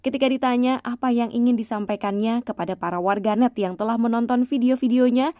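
A woman's voice: on the high side, a little fast, mellow, no echo. A woman narrating a scripted news report.

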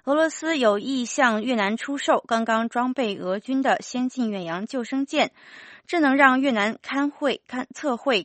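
A woman anchor reading a news bulletin in a crisp, formal manner. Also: on the high side, a bit bright, no echo.

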